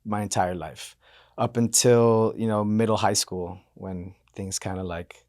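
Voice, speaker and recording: Man, 30s, from Miami. Low voice, dry close recording. Relaxed, rambling storyteller. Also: measured pace, dry recording. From Miami, Florida. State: banged up from hockey. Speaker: guest. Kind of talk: casual interview talk.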